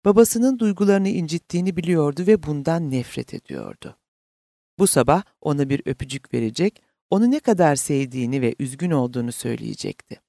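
A man reading a novel aloud as an audiobook narrator, in a measured, steady way. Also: a little high, gravelly, no echo, studio quality.

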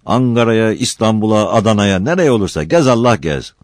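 A man voicing a boisterous, teasing young village barber. His voice is raised and higher than his own, in a storybook reading. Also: lively intonation, a little fast, no echo, studio quality, lightly acted. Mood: joking. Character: joking rowdy young male village barber.

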